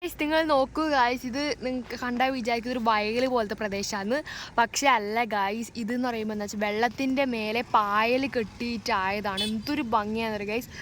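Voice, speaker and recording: High-voiced Malayali woman mixing in English, noisy outdoors. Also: a bit bright. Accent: Malayali, northern Kerala. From Wayanad, Kerala, India. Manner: mixes English words into Malayalam; enthusiastic, addresses viewers constantly. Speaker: travel vlogger. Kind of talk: casual travel vlog narration to viewers. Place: outdoors by backwaters, paddy fields and on a canoe. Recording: noisy outdoor recording with ambient sound.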